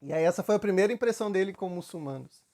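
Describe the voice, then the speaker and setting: Man, Brazilian Portuguese accent, spiritual teacher, fairly high voice, casual storytelling, lots of fillers. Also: very fast. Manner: relaxed storytelling with frequent fillers, acts out quotes. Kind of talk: conversational spiritual talk.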